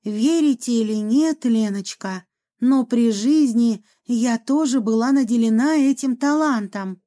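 A woman's voice: on the high side, a little slow, lightly acted. Woman doing a chatty young ghost lady. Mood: wistful. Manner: lively, theatrical, prone to sighs. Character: chatty young female ghost, former medium. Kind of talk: audiobook reading.

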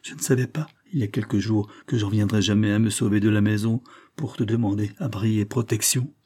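A man's voice: on the low side, steady tone, fairly quick, warm tone, natural voice. A man reading aloud and voicing a distressed young woman who begs her grandfather for protection, his voice raised and pleading. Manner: pleading, anxious.

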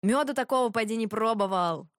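A woman's voice: a little high, brisk, dry recording, studio quality, natural voice. A woman voicing a hearty, bustling young prince who calls to his brothers. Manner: loud, bustling.

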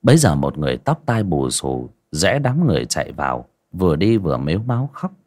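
A man narrating a village ghost story on a livestream, pausing and repeating words as he goes. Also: a bass voice, sing-song, a little mellow. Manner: hesitant, repeats words and restarts.

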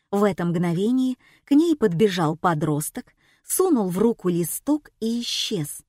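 A woman narrating an audiobook in the first person, with a calm, matter-of-fact reading. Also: mid-range voice, no echo, clean studio sound.

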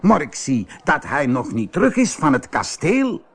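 A man's voice: fairly high pitch, wildly swooping pitch, normal speed, a bit bright, breathy edge, pitched above the performer's own voice, heavily acted. A man voicing a cheeky, mischievous young boy in a storybook, brash and teasing. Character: cheeky mischievous village boy, cocky and playful.

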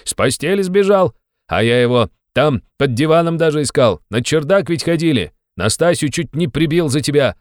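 A man voicing a hot-tempered, blustering young male friend who shouts and scolds. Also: fairly high pitch, animated, moderate pace, dry recording, clean studio sound, voice pushed up, lightly acted. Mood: angry shouting.

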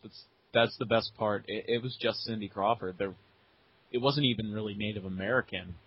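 A man's voice: on the low side, brisk, husky. A young man co-hosting a casual book chat, talking eagerly and restarting his sentences. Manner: excited, laughing, stumbling restarts. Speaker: podcast co-host. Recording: dull lo-fi recording.

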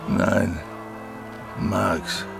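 An actor playing a dazed but polite bearded man with a gravelly voice in a German audio drama. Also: low-pitched, steady tone, extremely slow, over loud music, heavily acted. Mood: dazed, grateful.

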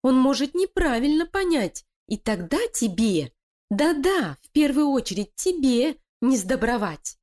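A woman's voice: high-pitched, sing-song, a little slow, a little mellow, pitched above the performer's own voice. A woman voicing Lilia, a sly, scheming female animal who talks in a cold, threatening, commanding way.

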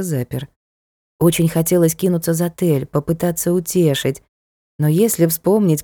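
A woman narrates an audiobook in a steady, even storytelling manner. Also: low-pitched, no echo, clean studio sound.

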